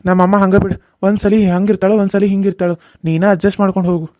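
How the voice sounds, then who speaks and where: Woman voicing a soft-toned cartoon village husband. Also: mid-range voice, fairly even intonation, rapid-fire, no echo, clean studio sound, lightly acted. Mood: coaxing. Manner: coaxing, reasoning, mildly exasperated. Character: young village husband, caught between mother and wife, peacemaking. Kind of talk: cartoon serial voice acting.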